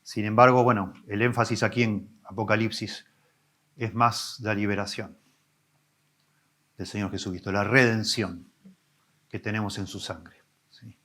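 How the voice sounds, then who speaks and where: Pastor preaching a sermon. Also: male voice, steady tone, unhurried, pauses often. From Argentina. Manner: teaching, with emphatic rises and soft low drops. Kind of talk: expository sermon.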